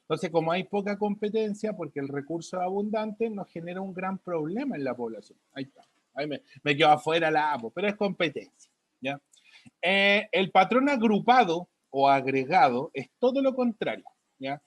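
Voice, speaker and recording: A man's voice: sits high, lively intonation, normal speed, dry recording. A male biology teacher, giving a recorded class and checking in with a repeated "ya?" while writing on the board. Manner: repeats a questioning "ya?" after each point; writes on a board while talking, drifting from the mic.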